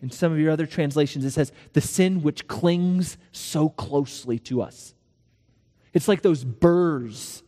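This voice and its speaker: A man preaching a sermon, walking through a scripture passage and acting out the dialogue in lively storytelling. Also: fairly high pitch, unhurried, long reverb tail. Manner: animated storytelling with acted dialogue. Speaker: pastor.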